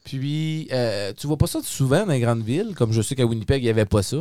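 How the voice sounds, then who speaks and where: A man's voice: medium pitch, fairly quick, warm tone, dry recording. A man with a Québécois French accent, telling a story in casual chat, laughing often and slipping in English phrases.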